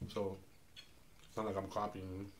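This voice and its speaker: A man's voice: sits low, a little slow, slight background noise. A man vlogging to his viewers while eating, talking casually with his mouth full of food and rambling with lots of fillers. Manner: relaxed, rambling, many fillers. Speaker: mukbang vlogger.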